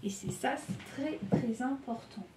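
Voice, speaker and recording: Woman doing a tarot reading, stuffed-up nose, feverish and tired, lots of ums and restarts, kinda high voice, echoey room. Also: measured pace, background noise. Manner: hesitant, many fillers and restarts. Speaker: tarot reader.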